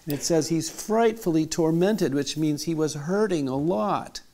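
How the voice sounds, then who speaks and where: A teacher reads a scripture passage aloud slowly and carefully, then goes over it with a child through simple questions. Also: medium pitch, dark tone. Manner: slow, careful reading that stretches quoted speech. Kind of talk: Bible reading and children's lesson.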